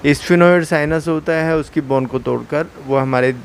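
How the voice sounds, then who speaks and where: A middle-aged man, an ENT surgeon, calmly explains a medical condition to an interviewer, pausing often on "uh". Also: fairly high pitch, vocal fry, a little hiss or hum. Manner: calm, explanatory, with frequent "uh" fillers. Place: hospital clinic room.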